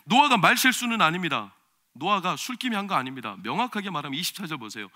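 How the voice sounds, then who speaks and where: Bright-voiced preaching pastor, man. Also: high-pitched, big pitch swings, fast talker. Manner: swings between loud emphatic preaching and quiet confiding storytelling. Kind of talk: sermon. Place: church sanctuary.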